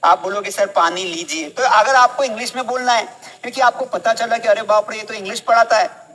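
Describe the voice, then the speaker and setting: A man's voice: high voice, brisk, pushed and bright, big-room sound, poor audio. A man with an Indian accent teaching a live spoken English class in a chatty way. He keeps asking the class questions and then answers them himself.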